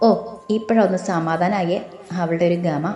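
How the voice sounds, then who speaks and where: A woman voicing an eager young woman, naive but sharp-tongued when crossed, in an audio story. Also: fairly low pitch, fairly even intonation, moderate pace, lightly acted. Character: young woman, lively, naive, quick to bristle. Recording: roomy with faint music.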